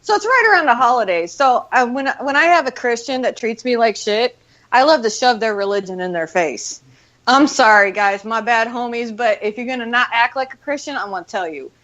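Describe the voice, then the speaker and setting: A middle-aged woman with a loud, projecting delivery, swearing freely as she tells her story. Her pitch sits a bit high and bounces around a lot. The audio is muffled and lo-fi. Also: expressive, a little fast. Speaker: show co-host. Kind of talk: casual chat.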